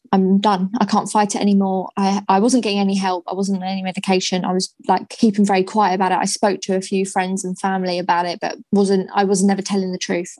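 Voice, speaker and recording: A woman in her twenties telling her own story as a podcast guest, slow and hesitant with many ums. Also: medium pitch, darkish tone, no echo. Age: 20s. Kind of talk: candid personal story in a podcast interview.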